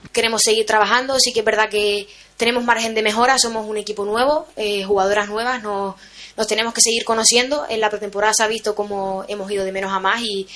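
A woman's voice: medium pitch, fairly bright tone. A young woman footballer speaking in an interview clip, casual, with repeated words as she thinks. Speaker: football player.

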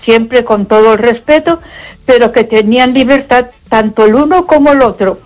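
Her voice a little high with a darkish tone, an older woman from Barcelona chats on a radio phone-in at normal speed, with no echo. She keeps repeating herself, stresses her points, and peppers her speech with "ay."

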